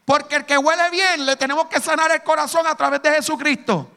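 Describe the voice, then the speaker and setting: A male preacher delivers an emphatic sermon in a very high, bright voice. He keeps firing rhetorical questions at his congregation. His voice rings with the long reverb of a church sanctuary. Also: steady tone, a little fast.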